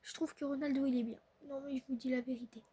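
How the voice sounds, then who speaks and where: A young woman chatting excitably to her viewers while playing a football video game. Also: high voice, fast talker, slightly rough. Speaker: gaming streamer. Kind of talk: casual live commentary on a football video game.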